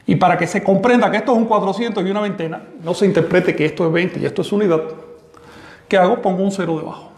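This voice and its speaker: A man's voice: sits high, quick pace, creaky, a little mellow, reverberant. A man giving a live online math class, who explains step by step, asks the class questions and makes the odd sarcastic aside. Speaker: teacher of vigesimal math.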